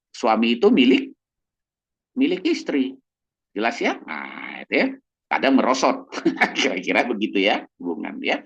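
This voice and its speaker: A man preaches in a relaxed, conversational way, often checking in with his listeners between points. His voice sits low but swings widely in pitch when he stresses something. The recording is dull and lo-fi. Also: slightly rough. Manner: chatty, keeps tagging "ya" and "gitu ya"; animated, jumps high in pitch for emphasis. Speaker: pastor. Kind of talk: conversational evening sermon.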